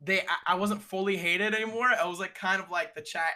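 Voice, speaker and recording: A young man, a streamer, telling a story in a casual conversation, animated and slangy, acting out what other people said. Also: sits high, brisk. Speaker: streamer guest.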